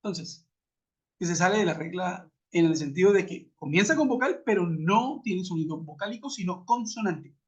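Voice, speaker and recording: High-voiced man teaching an online class. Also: expressive, moderate pace. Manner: patient explaining, with rhetorical questions. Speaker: English teacher. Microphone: computer mic on a video call. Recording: muffled web conference audio.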